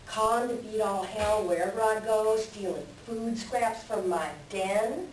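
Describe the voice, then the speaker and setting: A woman's voice: mid-range voice, unhurried, lightly acted. A woman playing a sly, self-serving coyote trickster with folksy, rustic speech in a readers theater animal tale. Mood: hard bargaining. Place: library readers theater performance. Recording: roomy, distant mic, faint background noise.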